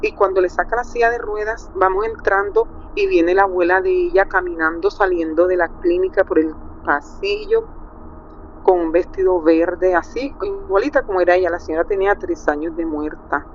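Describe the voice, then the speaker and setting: A woman's voice: lowish voice, normal speed. A middle-aged Colombian woman with a Colombian accent, calling in to tell a personal story with emotion, acting out quotes. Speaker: caller. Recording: muffled call with faint hiss.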